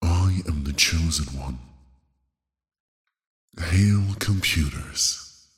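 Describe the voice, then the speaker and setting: A man voicing an ominous computer AI that makes slow, flat machine announcements, with long hall reverb. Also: low voice. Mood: grandiose. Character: ominous booming male AI computer.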